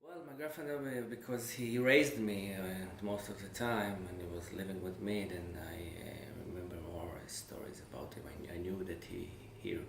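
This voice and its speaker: Recalling his family's history, a 40-something Israeli interviewee speaks in a low, gravelly, steady-toned voice. He halts often, searching for words and stuttering on the beginnings of them. It was recorded in an echoey room with faint background noise.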